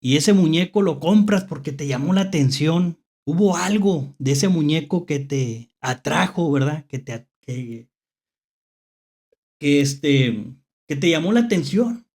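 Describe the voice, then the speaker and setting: Speaking in a mid-range, expressive voice with a darkish tone, this Mexican-accented horror host unhurriedly shares spooky tales off the cuff. Hesitant repetitions of phrases and rhetorical check-ins with the audience run through the telling.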